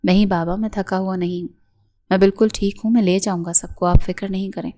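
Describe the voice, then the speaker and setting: A woman voicing a tired, withdrawn young husband who speaks in a calm, reassuring way. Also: medium pitch, slight background noise, close to an everyday voice. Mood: subdued.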